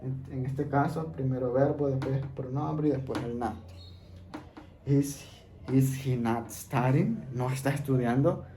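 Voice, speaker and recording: A man teaching an English class, explaining each step slowly and patiently and checking in with his students. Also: medium pitch, little pitch movement, dark tone. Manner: patient, repeats steps, checks in with "¿ok?". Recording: echoey room, faint background noise.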